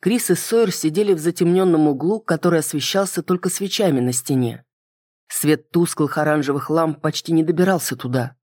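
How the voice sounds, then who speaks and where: An audiobook reader giving calm first-person fantasy narration. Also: mid-range voice, a little fast, dry recording, clean studio sound.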